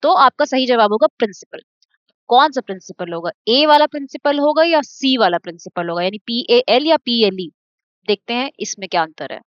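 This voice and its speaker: A woman's voice: a little high, expressive, brisk, no echo, dull audio. A woman with an Indian accent teaching an exam-prep English lesson, explaining step by step and spelling words out letter by letter.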